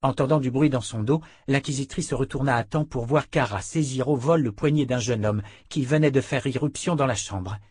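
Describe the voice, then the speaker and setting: A man narrating a fantasy novel as an audiobook in an even, unhurried storytelling manner. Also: mid-range voice, breathy edge, no echo.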